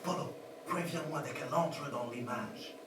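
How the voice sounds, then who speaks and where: An actor on stage playing a flamboyant, bossy film director who swings between hushed orders and loud theatrical outbursts. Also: male voice, medium pitch, moderate pace, background noise, natural voice. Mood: hushed urgent. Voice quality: theatrical, shouting orders, swings from whisper to yells. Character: flamboyant foreign film director, bossy, then a pleading blind man. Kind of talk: live stage comedy. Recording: distant stage mic, roomy hall echo.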